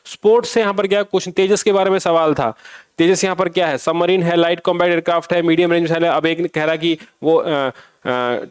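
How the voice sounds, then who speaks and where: Man, coaching teacher, higher voice, dry close sound, exhorting and scolding students. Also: steady tone, fast talker, smooth, no echo. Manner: exhorting, scolding students, mixing English into Hindi. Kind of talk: exam paper review lesson.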